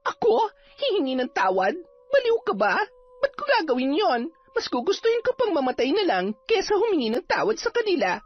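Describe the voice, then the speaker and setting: A woman acting a bitter, hot-tempered young sorceress on the run, sharp-tongued and defiant, in an audio drama. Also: very high-pitched, huge pitch swings, a little fast, heavily acted. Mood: angry, bitter. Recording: dull lo-fi with faint music.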